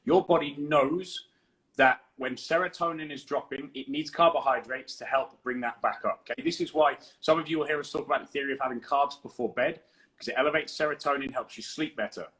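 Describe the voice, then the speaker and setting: A man's voice: medium pitch, brisk, fairly bright tone, low-quality recording. A man co-hosting a podcast, explaining nutrition in a confident, emphatic coaching manner. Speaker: fitness coach and podcast co-host.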